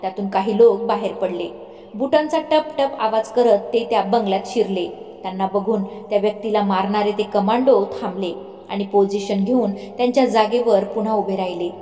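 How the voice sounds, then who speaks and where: A woman narrating a romance audiobook in a steady, expressive reading voice. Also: medium pitch, normal speed. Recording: roomy reverb, faint music.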